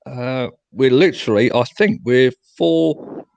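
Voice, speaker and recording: A man's voice: medium pitch, slow, creaky, a little mellow, clean tone, no echo, dull audio. A young man hosting a casual fan chat after a match, reading out viewer comments and answering them. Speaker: fan show host.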